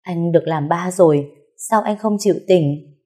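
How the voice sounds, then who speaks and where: A woman's voice: fairly low pitch, normal speed, mellow, slightly rough. A woman voicing a heartbroken young pregnant wife who pleads tearfully in a storybook reading. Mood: pleading.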